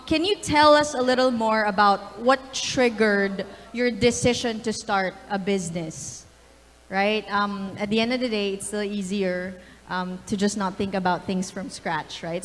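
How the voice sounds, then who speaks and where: A woman's voice: on the high side, fairly bright tone. A woman moderating a conference panel in a chatty, friendly way, often saying "um" and "you know". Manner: chatty, friendly, many fillers. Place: conference stage. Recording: reverberant event hall.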